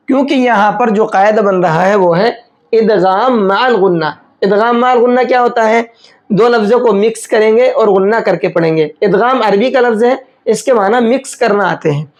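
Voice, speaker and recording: Man, Quran recitation teacher, explaining rules step by step, fairly high voice, slow drawn-out demonstrations. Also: lo-fi sound. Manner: asks questions aloud and then answers them; slows right down to demonstrate recitation. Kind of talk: step-by-step tajweed lesson.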